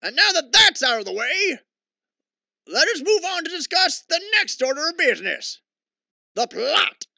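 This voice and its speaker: A man's voice: extremely high pitch, very animated, moderate pace, gravelly, sharp tone, no room sound, clean studio sound, exaggerated voice. A man voicing a bossy, self-important old dwarf leader in a cartoon parody, making theatrical speeches.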